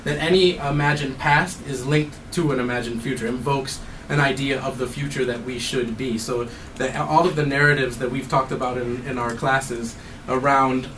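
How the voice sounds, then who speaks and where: Male academic, mid pitch, reflective Q&A answers, distant room mic. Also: steady tone, normal speed, fairly bright tone. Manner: thoughtful, frequent fillers and restarts. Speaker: anthropology professor giving a talk. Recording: distant mic, faint noise.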